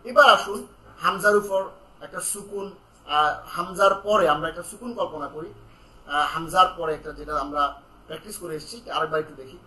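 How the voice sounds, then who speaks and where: A man teaching Quran pronunciation in an online lesson, calling out syllables loudly for students to repeat and explaining slowly in between. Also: on the high side, reverberant, low-quality recording. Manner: slow, explaining calmly between drills.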